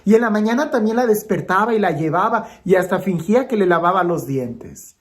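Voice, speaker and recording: A priest giving an Advent homily, slow and dramatic, moving from emphatic lines to hushed ones. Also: male voice, high voice, lively intonation.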